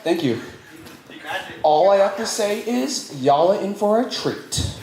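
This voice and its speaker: A man's voice: high-pitched, animated, takes it slowly. A man giving a playful, joking wedding toast as the groom's cousin at a reception. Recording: echoey hall, loud room noise.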